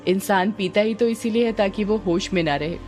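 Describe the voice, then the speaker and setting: A woman's voice: medium pitch, moderate pace, darkish tone, faint music behind, natural voice. A woman voicing a chatty, joking young village man who is smitten with an officer. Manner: chatty, teasing.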